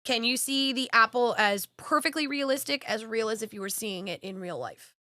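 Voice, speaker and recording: A woman's voice: on the high side, expressive, moderate pace, sharp tone, no echo, studio quality. A woman co-hosting a podcast, blunt and swearing, reading information aloud in casual chat. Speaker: podcast co-host.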